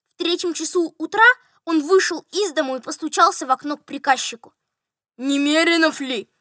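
Woman storyteller, lively expressive reading, crisp bright tone, high voice. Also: fairly quick, no echo, studio quality. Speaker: narrator.

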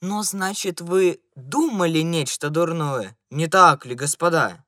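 A man reading an audiobook and voicing a loud, quarrelsome gentleman in a grey top hat who keeps demanding answers. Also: fairly high pitch, takes it slowly, no echo, studio quality, pitched above the performer's own voice. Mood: indignant shouting. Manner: shouting, indignant, insistent questioning.

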